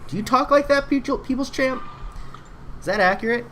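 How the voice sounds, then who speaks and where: A man's voice: very high-pitched, a little fast, a bit bright, a little hiss or hum. A man streaming a game live, chatting casually with his viewers in a laid-back, slangy way and answering them by name. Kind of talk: casual livestream chat while playing.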